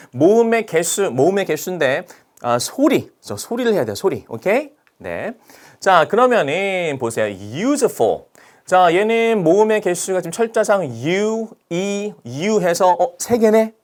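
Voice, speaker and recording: A man teaching an English grammar lesson to students, often checking in with "okay?" and "right?", and sounding out English words slowly. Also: fairly high pitch. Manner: stretches out English words when sounding them out.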